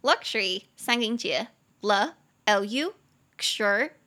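A young woman hosting a casual English lesson podcast, explaining words and spelling them out slowly with a lively, self-amused manner. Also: mid-range voice.

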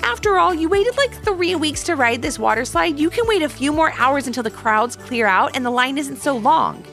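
A reasonable, cheerful young boy with a raised, lively voice, as a woman storyteller puts him on. He explains things patiently and sounds a little gravelly, over faint music. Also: high voice, moderate pace, pitched above the performer's own voice. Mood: reasoning. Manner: reasoning, upbeat. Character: helpful, sensible young boy.

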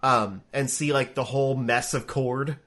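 A sniffly, congested man co-hosts a casual online chat from home, using a webcam over a remote call. He speaks at a measured pace in a steady, medium-pitched voice that's a bit bright. His talk wanders, full of fillers and restarts.

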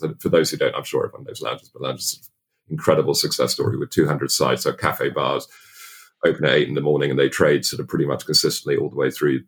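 Very deep, husky-voiced man, halting. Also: a bit bright. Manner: halting, many restarts and fillers. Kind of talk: casual podcast chat.

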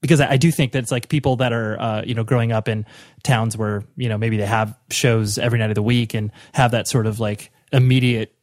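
A man's voice: mid-range voice, steady tone, fairly quick, dry recording, clean studio sound. A young man interviewing a guest in a casual chat, rambling, with many fillers and restarts.

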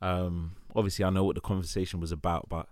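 Low-voiced London roadman bantering casually. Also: rapid-fire, no echo. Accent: London, urban roadman slang style. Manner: slangy, sweary, animated reactions. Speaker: podcast co-host.

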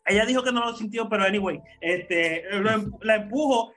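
A man's voice: high-pitched, moderate pace, a bit bright, soft background music. A man co-hosting a podcast, telling a story to friends in a casual way, laughing often and mixing in English words. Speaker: podcast co-host.

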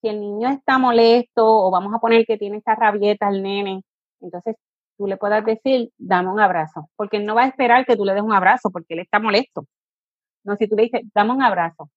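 A woman's voice: mid-range voice, fairly even intonation, fairly quick, no room sound, highs cut off. A woman, an educator and coach, answering interview questions and explaining patiently, now and then acting out what a parent or a child says. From Puerto Rico. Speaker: positive discipline educator and coach.

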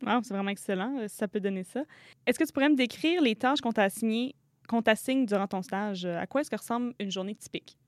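A woman's voice: a little high, fast, dry recording, studio quality. A woman interviewer asking casual, encouraging follow-up questions.

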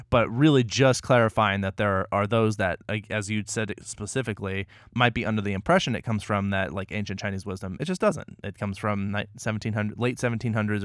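A man with a lowish, smooth and resonant voice talks through a topic on a podcast. He sounds measured and a little wry. The recording is dry and close, with no room sound. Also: a bit bright, dry recording. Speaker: podcast co-host. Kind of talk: casual explanatory podcast chat.

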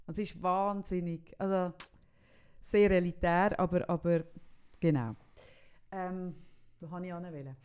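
Brief: young Swiss woman, podcast host, animated casual storyteller. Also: fairly low pitch, unhurried, pauses often, smooth. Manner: animated, quotes others in lively back-and-forth.

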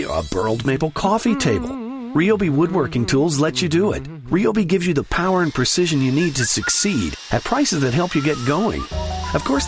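Very animated male ad announcer over music. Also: a little high. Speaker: commercial announcer. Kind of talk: scripted radio ad narration.

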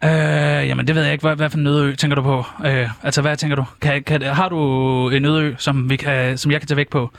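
A frantic male athlete who stammers and keeps repeating himself, as a man puts him on. His voice sits a little high, with a gravelly fry. It is a comedy sketch interview. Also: flat delivery, few pauses, close to an everyday voice. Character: frantic male Olympic athlete desperate to flee his family.

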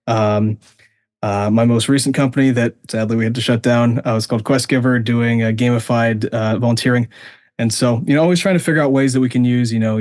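A man from Hawaii chatting casually as an interview guest, with halting, hesitant phrasing. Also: on the low side, a little mellow, no room sound, clean studio sound. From Hawaii, USA. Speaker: interview guest, tech entrepreneur.

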